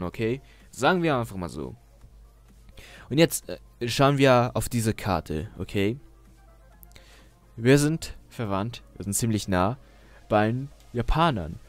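A young man rambling through casual screen-share commentary, hesitant, with frequent restarts and laughs at his own jokes. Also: on the low side. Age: young adult. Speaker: YouTuber. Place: small bedroom at a desk. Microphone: headset. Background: faint background music.

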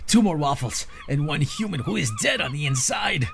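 A man reads out casual, slangy posts with theatrical exasperation. His voice is fairly high with gravelly creak and wide, lively swings. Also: normal speed, a little hiss or hum. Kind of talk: dramatized reading of social media posts.

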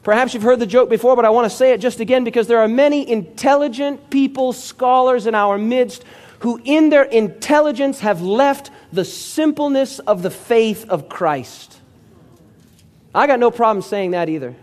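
A man's voice: very high-pitched, normal speed, a little mellow. A male pastor preaching a sermon with emphatic storytelling and calls for amen.

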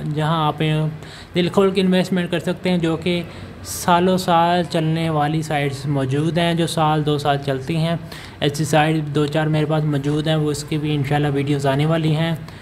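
A man's voice: a little high, slight background noise. A man narrating a step-by-step phone app walkthrough, with fillers and self-corrections as he goes. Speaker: channel host. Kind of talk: screen-recorded app walkthrough. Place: voice-over over phone screen recording.

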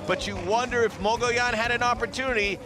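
Male play-by-play fight caller, distinctly high register, broadcast with clear music behind. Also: fairly even intonation, quick pace. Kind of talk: live sports commentary.

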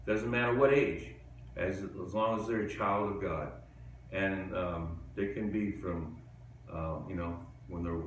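A man hosting a live comedy show in a rambling, digressive stand-up monologue with sudden high outbursts. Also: a little hiss or hum. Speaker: comedian host. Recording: echoey room from far off.

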